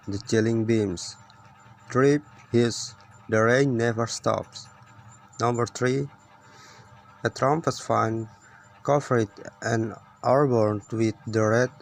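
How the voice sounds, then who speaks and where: Man, slow reader, numbered quiz lines, faint background noise. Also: fairly low pitch, vocal fry. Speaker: student presenter. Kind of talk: reading quiz lines aloud.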